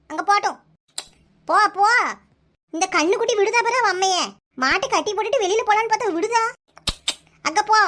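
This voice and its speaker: A kindly but bossy older village woman in a cartoon, scolding and reassuring at length in a Kanyakumari Tamil accent, as a woman voices her. Her voice is pitched extremely high. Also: pushed and bright.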